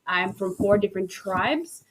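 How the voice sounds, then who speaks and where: A woman from Kenya, a relationship coach, telling a personal story in conversation with many pauses and ums. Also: medium pitch, lively intonation. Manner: thoughtful, with frequent ums and restarts.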